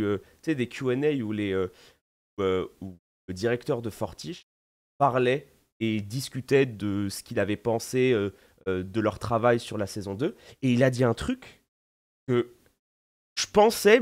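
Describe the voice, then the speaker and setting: A man from France with a French accent, chatting casually to his viewers in an animated, slangy way, full of fillers and restarts. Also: medium pitch. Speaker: streamer. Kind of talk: casual recap chat to viewers.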